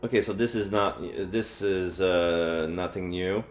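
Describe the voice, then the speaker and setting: Playing a visual novel on stream, this deep-voiced man reads the lines aloud in an unhurried, casual way, tossing in muttered jokes. Faint game music plays in the background of a roomy-sounding recording.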